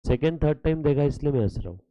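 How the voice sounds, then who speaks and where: This accounts lecturer, with a slight tinge, switches between Hindi and English in a live classroom lecture, questioning students nonstop and chiding them playfully. He sounds a little high, expressive, quick, and mellow. The audio is poor, with no room sound.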